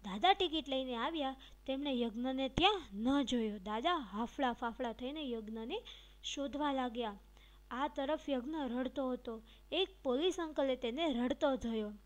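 A woman's voice: sits high, measured pace. A woman teacher reading a storybook aloud to young pupils, adding light expression to the dialogue. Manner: addresses young pupils directly. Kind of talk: storybook read-aloud for children.

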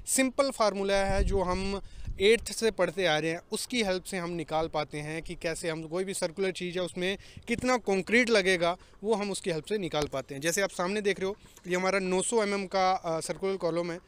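High-voiced man explaining on a building site. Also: a bit bright, slight background noise. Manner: explanatory, walks through terms step by step. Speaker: civil engineer explaining site practice. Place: outdoor building construction site.

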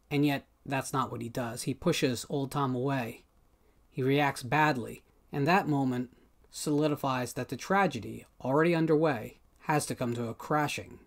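A man in his thirties talks straight to camera from a small room at home, reading his own critical take on a film. His pace is measured and deliberate, with dramatic pauses between points, and his voice sits at an average pitch for a man. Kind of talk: scripted film analysis to camera.

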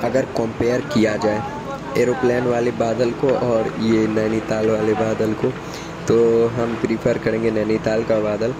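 A travel vlogger narrates a casual vlog from inside a moving bus, chatting to viewers about the mountain scenery in a fairly low, completely flat and unhurried voice. His handheld camera by the bus window clearly picks up the engine and road noise behind him.

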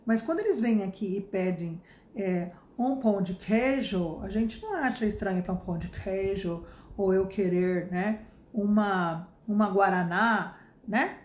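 A woman's voice: medium pitch, measured pace, darkish tone. Woman, fifties, Brazilian accent, English teacher, chatty, emphatic, echoey room. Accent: Brazilian Portuguese. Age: 50s. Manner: chatty, frequent tag questions, emphatic. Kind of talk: casual spoken lesson.

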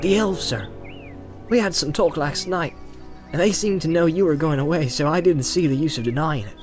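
A man's voice: fairly high pitch, moderate pace, soft background music, voice pushed up, natural voice. A man voicing a loyal, plain-spoken male hobbit servant in an audiobook, humble and steadfast. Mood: humble, admiring. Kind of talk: audiobook character voice.

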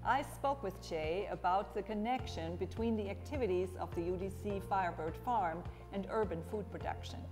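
A woman's voice: mid-range voice, normal speed, hardly any pauses, darkish tone. Woman narrating over music, roomy. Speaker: dean and show host. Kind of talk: scripted narration and interview questions.

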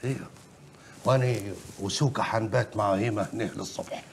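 An actor playing a fatherly middle-aged Egyptian uncle who calms his niece in a placating way. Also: fairly low pitch, fairly quick, creaky, a little hiss or hum. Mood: soothing.

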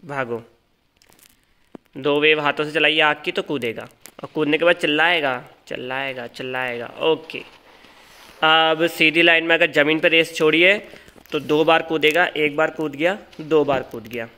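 A man giving excited live commentary as he calls out a boss's moves and talks to his character. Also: a little high, unhurried, clean tone. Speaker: gaming channel host.

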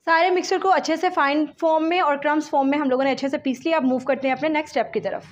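High-pitched woman doing a calm recipe voice-over, walking through each step slowly. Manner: calm step-by-step instructions mixing English words. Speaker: home cooking channel host.

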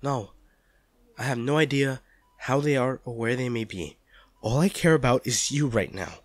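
In an intimate audio roleplay, a male actor voices a devoted, protective partner speaking to an injured loved one. His medium-pitched voice is tender, reassuring, and pleading, with a soothing, concerned mood at a normal pace. The recording is dry, with no room sound, and the voice sounds natural.

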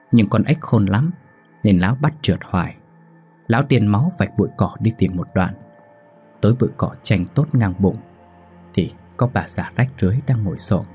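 Low, husky man telling ghost stories. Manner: steady, dramatic storytelling. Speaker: storyteller host. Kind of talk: scripted ghost story narration.

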